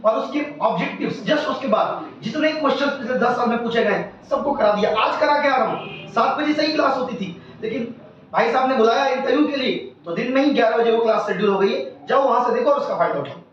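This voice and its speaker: Man, physics teacher, very high voice, emphatic, lists topics, dull distant echoey sound. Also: quick pace, slight background noise. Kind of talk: exam tips in an interview.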